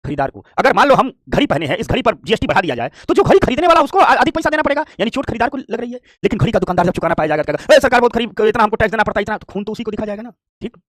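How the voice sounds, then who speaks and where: A man teaching an economics class, talking quickly and often asking if students understood. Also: sits high, no echo, clean studio sound. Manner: fast, lively, repeats "ठीक" and checks understanding; acts out complaining shopkeepers. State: tired from standing. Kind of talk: classroom lecture.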